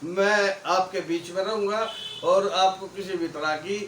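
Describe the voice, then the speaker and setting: A man's voice: high-pitched, fairly even intonation, measured pace, fairly bright tone. A man from Haryana, a party worker giving an interview, answering in a rhetorical, speechlike way with appeals to voters. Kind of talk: campaign-style interview answers. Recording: echoey, far from mic, faint noise.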